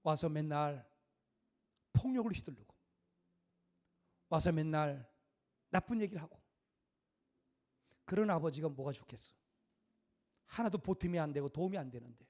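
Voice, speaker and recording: A man's voice: on the high side, animated, normal speed, pauses often, a little mellow. A middle-aged male pastor preaching a sermon in a conversational, emphatic way, full of rhetorical questions.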